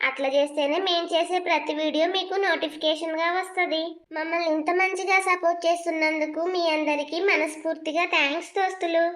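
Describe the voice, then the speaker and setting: A woman's voice: very high voice, a bit bright. A woman hosting a cartoon channel, greeting viewers as friends in a scripted intro. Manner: friendly, calls viewers friends, upbeat appeals. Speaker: channel host.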